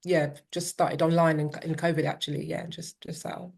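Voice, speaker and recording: A woman's voice: low-pitched, flat delivery, moderate pace, vocal fry, darkish tone. A middle-aged woman, a parent and teen coach, telling her story in an interview with an earnest, reflective manner and frequent "um" and "yeah".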